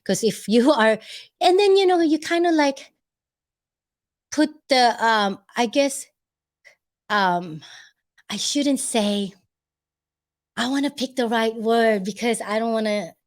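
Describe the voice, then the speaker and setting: Talking casually to her viewers, a Filipino-accented woman vlogger offers advice, laughing easily and rambling while she hunts for the right words. Her voice is a little high, and she speaks slowly with frequent pauses.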